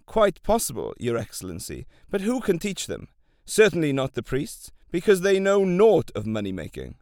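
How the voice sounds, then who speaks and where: A man voicing a deferential royal chancellor who explains matters in a courtly, careful manner, pitched a bit above his narration. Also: wildly swooping pitch, normal speed, a little mellow, dry recording, clean studio sound.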